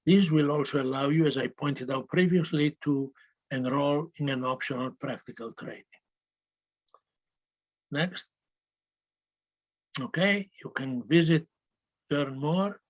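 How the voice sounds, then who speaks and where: A man presenting a university program in a webinar, measured and formal. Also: medium pitch. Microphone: video call. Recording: dull video-call audio.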